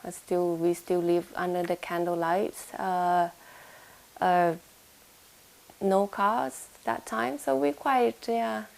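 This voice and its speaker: Her voice is fairly low and gravelly, steady in tone and slow, captured in a rough recording. The young Thai woman, speaking with a Thai accent, hesitantly answers casual oral history interview questions in a London home room, full of fillers and restarts.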